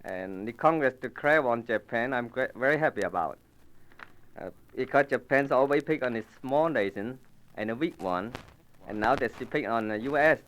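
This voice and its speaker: A man speaks in halting, broken English, filling gaps with "uh." His voice sits at an ordinary middle pitch. He gives a short street-interview statement. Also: animated, fairly bright tone, a little hiss or hum. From China. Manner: broken English, hesitant fillers. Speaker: student and laundryman.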